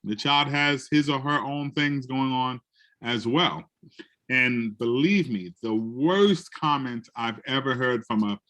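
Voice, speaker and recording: A man's voice: medium pitch, slow pace. A man from the Bronx, an educator telling classroom stories in a conversation and acting out the people he quotes. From the Bronx, New York. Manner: animated, acts out quotes in other voices. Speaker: educator and guest speaker. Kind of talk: storytelling in a conversation.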